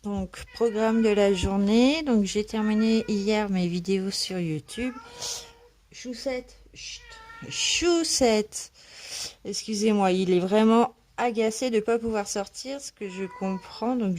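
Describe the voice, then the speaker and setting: A woman chats slowly and hesitantly in a casual home vlog, filling her sentences with little pauses and fillers. She has only just woken up, and her voice keeps an even pitch. A cat meows faintly in the background. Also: slight background noise. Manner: hesitant, many fillers, chatty. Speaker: coloring vlogger. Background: cat meowing.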